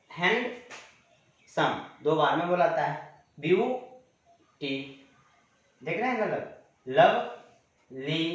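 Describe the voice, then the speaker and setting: A man with a slightly high voice teaches grammar in a patient lecture in his terms. He repeats each definition and stretches out example words. The sound is very echoey and dull, like a lo-fi recording in a bare room. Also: darkish tone. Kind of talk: classroom lecture.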